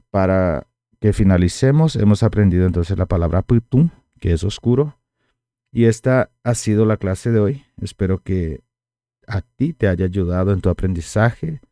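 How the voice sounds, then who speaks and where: A man giving a casual online language lesson, explaining slowly and repeating each word for learners. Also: sits low, vocal fry, mellow, no echo. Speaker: language teacher.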